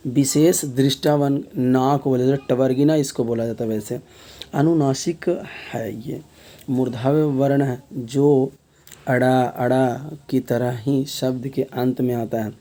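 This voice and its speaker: Man teaching with a very dark voice. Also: medium pitch, steady tone, unhurried. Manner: explanatory, repeats key terms as questions; frequent filler tags mid-sentence. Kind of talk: exam-prep grammar lesson.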